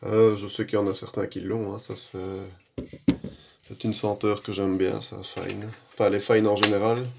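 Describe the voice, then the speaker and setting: A man giving relaxed, rambling commentary while demonstrating a shave, with many fillers and self-mocking asides. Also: on the low side, normal speed, creaky, background noise. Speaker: shaving vlogger. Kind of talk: casual how-to commentary.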